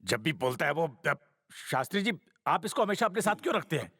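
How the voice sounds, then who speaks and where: An actor dubbing a stern but jovial older family patriarch, speaking in a commanding, scolding way. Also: male voice, a little high, big pitch swings, fast, fairly bright tone, breathy edge, dry recording, studio quality, exaggerated voice. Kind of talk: Hindi film dub. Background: film score.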